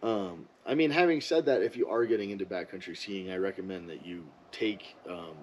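A man's voice: low voice, a little fast, muffled recording, a little hiss or hum. A man giving a casual, rambling, opinionated monologue as a ski vlogger.

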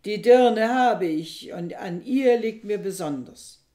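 Give me a woman reading a vengeful older husband, slow and dark-toned, echoey room. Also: lowish voice, expressive. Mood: grim. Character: older man, betrayed husband, vengeful and angry.

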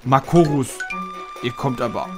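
A man's voice: mid-range voice, a little slow, close to an everyday voice. A man voicing a wise ancient male tree spirit from a video game, reading the lines in a stately, solemn manner with game music behind him.

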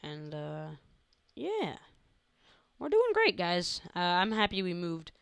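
A man's voice: high-pitched, huge pitch swings, slow pace, gravelly, fairly bright tone, clear, resonant tone, dry recording, studio quality. A teenage boy giving casual, goofy gameplay commentary and chatting to his viewers as he plays. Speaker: gaming channel host.

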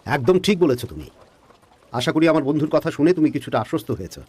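Dub casting: a friendly trader, husky, fast. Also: male voice, a little high. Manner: friendly, relaxed. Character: traveling male trader, pleased and friendly. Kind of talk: dubbed drama dialogue.

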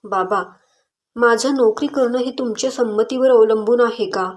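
A woman's voice: on the high side, moderate pace, darkish tone, natural voice. A woman voicing a determined young daughter who speaks up firmly and earnestly in a story reading. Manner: firm, earnest pleading.

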